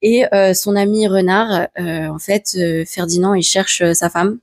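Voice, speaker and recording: A woman's voice: medium pitch, fairly even intonation, measured pace, gravelly, no room sound, studio quality. A young woman in casual podcast chat, hesitant and giggly, often stumbling over her words.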